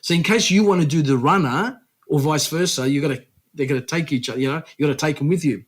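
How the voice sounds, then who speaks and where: Animated man telling a story. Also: on the high side, fast. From Australia. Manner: animated, rambling with restarts. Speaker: interview guest. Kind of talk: storytelling in a radio interview.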